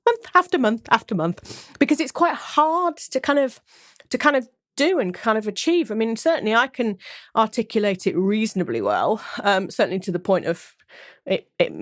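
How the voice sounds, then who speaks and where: A woman's voice: medium pitch, no echo, clean studio sound. Earnest woman hosting a podcast. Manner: earnest, expressive, emphatic. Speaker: podcast host and business coach. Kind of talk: heartfelt solo podcast monologue.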